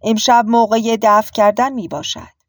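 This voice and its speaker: A woman's voice: a little high, steady tone, no echo, studio quality, voice pushed up, lightly acted. A woman voicing a stiff, formal foreign lady doctor. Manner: stilted formal wording.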